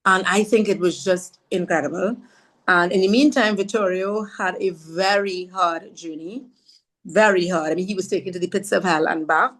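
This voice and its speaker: A woman from Trinidad and Tobago, a podcast guest sharing a personal story in an earnest, halting way, often acting out what others said. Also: lowish voice, a bit bright. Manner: earnest, often acts out others' words in her retelling; halting, with fillers and restarts.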